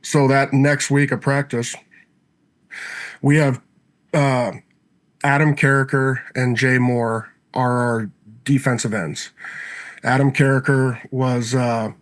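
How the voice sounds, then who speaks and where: A man's voice: mid-range voice, little pitch movement, slow, long pauses. A man in his thirties, a former pro lineman, telling a story in casual interview talk and acting out his old coach's lines. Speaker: former NFL offensive lineman, guest.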